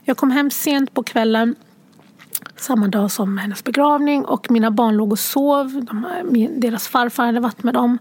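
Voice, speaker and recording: A woman telling a personal story in a halting, soft-spoken way, tearful and often sinking to a near whisper. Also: a little high, no room sound. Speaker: guest sharing a personal story.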